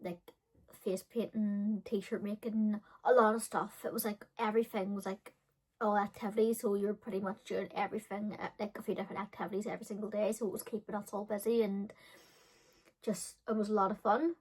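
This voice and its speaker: Telling her viewers a personal story, a woman in her early thirties who vlogs about beauty and storytimes rambles, corrects herself often and fills in with lots of fillers. She speaks a little fast in a husky, medium-pitched voice with flat delivery, on a rough recording.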